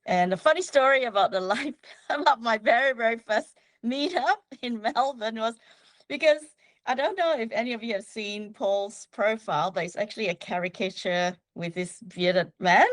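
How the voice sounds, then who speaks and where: A woman's voice: a little high, moderate pace, no room sound. A woman from Malaysia, a guest on a casual livestream interview, talking chattily and laughing often. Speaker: guest local guide.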